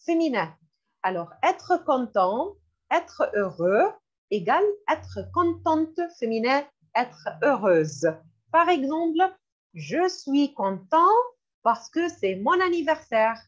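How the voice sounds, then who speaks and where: Slow, lively woman teaching French. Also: on the high side. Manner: slow, repeats each word and glosses it in English. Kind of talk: classroom vocabulary lesson. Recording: dull lo-fi recording.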